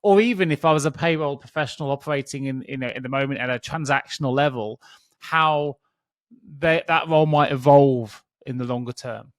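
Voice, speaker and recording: A man's voice: mid-range voice, brisk, no echo, clean studio sound. A man hosting a podcast, talking in a loose, conversational way with frequent restarts as he thinks aloud. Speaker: podcast host.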